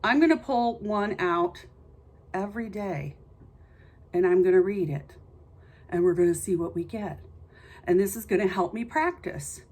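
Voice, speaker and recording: In relaxed, explanatory vlog chatter, a woman who hosts a tarot practice series thinks aloud while explaining things informally. Her medium-pitched voice is darkish and slightly rough, and she takes her time, pausing often.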